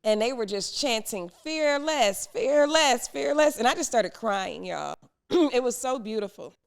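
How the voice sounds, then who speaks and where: A woman's voice: medium pitch, normal speed, gravelly. A woman from the United States hosting a podcast, telling a story animatedly and acting out the people in it. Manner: animated, acts out quoted people, laughs often. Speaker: podcast host.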